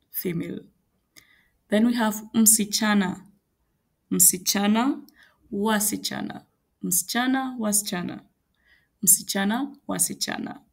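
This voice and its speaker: A woman teaching a language lesson, repeating each word slowly and carefully. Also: mid-range voice, gravelly. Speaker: Swahili teacher.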